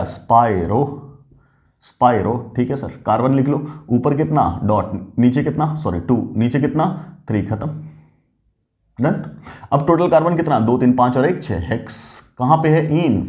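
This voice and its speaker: A man's voice: mid-range voice, dark tone, muffled recording. A man teaching a chemistry lesson, asking questions and answering them himself, praising the students as he goes. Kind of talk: classroom lecture.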